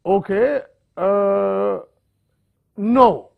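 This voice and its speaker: A man acts out a stubborn, evasive company spokesman in a satirical news sketch. He is high-pitched and very slow, hemming pompously through a slightly muffled recording. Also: creaky, exaggerated voice. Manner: halting, hemming, pompously formal.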